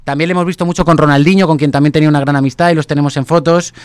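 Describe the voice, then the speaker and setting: Clear, higher-voiced Spanish male host. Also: fairly even intonation, rapid-fire, no room sound, clean studio sound. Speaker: sports show host. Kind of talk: conversational sports commentary.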